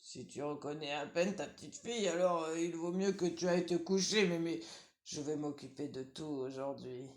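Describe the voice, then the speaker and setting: A woman's voice: deep voice, normal speed, lightly acted. A famished, skinny wolf from a storybook, voiced by a woman stammers as it tries to pass for a little girl. The speech falters and restarts. It sounds like it was read in an echoey room. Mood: gruff. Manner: hesitant, stammering. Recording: roomy echo.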